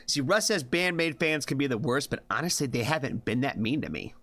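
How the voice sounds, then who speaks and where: Here a man with a medium-pitched, expressive, slightly bright voice speaks a little fast. He's running a music reaction livestream in a loose, easygoing ramble, cursing freely, using many fillers and repeatedly asking "you know what I mean?"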